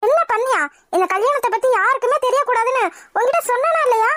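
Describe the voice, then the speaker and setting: A woman's voice: very high-pitched, fast talker, fairly bright tone. A woman with a Tamil accent voicing several characters in a cartoon, scolding and bickering.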